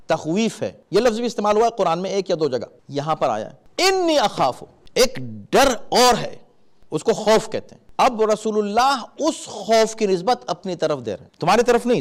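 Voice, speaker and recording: A middle-aged man explaining Quran verses in sermon style, animated and acting out warning calls in his examples. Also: high-pitched. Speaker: Islamic scholar giving Quran commentary.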